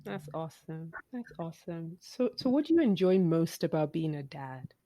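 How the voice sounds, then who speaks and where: An interviewer hosts the conversation, asking short questions and giving brief encouraging reactions. The voice sounds dark and mellow in tone, but the pitch moves lively up and down. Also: normal speed. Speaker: interviewer host.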